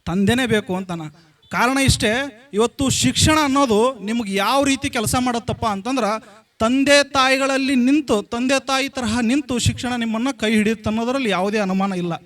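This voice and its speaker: A man with a markedly high voice and a North Karnataka accent gives a blessing address at a school celebration. He tells a homely parable, repeats his key lines and keeps asking the audience questions. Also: moderate pace, a bit bright. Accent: North Karnataka Kannada. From Karnataka, India. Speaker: religious leader giving a blessing address. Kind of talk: storytelling speech to a school gathering.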